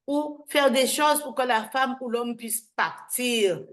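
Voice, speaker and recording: A woman evangelist giving informal bible teaching, halting and repeating words, often checking in with "d'accord?". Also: fairly high pitch. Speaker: evangelist and host.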